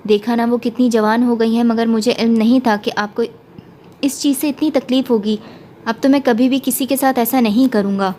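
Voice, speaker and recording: A woman's voice: a little high, fairly even intonation, warm tone, a little hiss or hum, close to an everyday voice. Woman voicing an innocent young boy. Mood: earnest. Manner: innocent, earnest.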